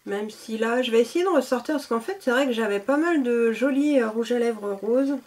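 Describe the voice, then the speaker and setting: A woman talks through her lipstick collection in a relaxed, chatty way, with plenty of fillers. Her voice sits a little high. It sounds like she is at home, recorded on her camera mic. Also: moderate pace, a little hiss or hum. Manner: chatty, enthusiastic, many fillers. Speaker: beauty vlogger. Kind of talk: casual product showcase.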